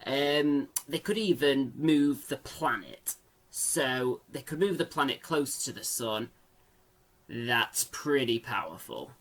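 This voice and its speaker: Hoarse man with a smoker's rasp, unhurried. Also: medium pitch, animated, a bit bright. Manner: chatty, informal, playful asides. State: hoarse, worn-out voice. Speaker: video host and narrator. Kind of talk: casual fantasy lore commentary.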